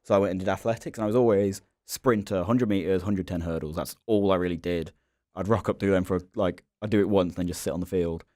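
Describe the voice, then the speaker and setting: A man, co-hosting a casual chat podcast and telling animated stories. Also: deep voice, quick pace, no room sound, clean studio sound. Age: early 20s. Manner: animated storyteller, acts out voices in anecdotes. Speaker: podcast co-host.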